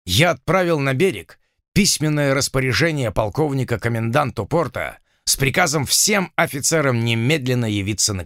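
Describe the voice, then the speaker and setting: A man voicing a calm, sly pirate captain who speaks low, quietly and with smooth irony. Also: no echo, studio quality.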